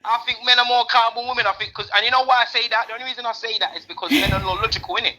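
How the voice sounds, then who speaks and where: A man's voice: extremely high pitch, steady tone, very fast, bright, forceful tone, low-quality recording. A man co-hosting a podcast in casual, opinionated, slangy chat. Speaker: podcast co-host.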